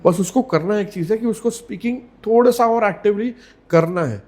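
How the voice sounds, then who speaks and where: Measured, emphatic male communication coach. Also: high-pitched, a little mellow. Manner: measured, emphatic, repeats key words, mixes English into Hindi. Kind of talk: podcast interview answers.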